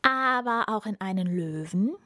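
A woman voicing a clever, flattering male talking cat from a fairy tale, with a bright, eager, cunning manner. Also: mid-range voice, a little slow, dry recording, studio quality.

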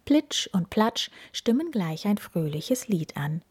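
A woman reading a children's story aloud in an expressive, deliberate way. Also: medium pitch, slightly rough.

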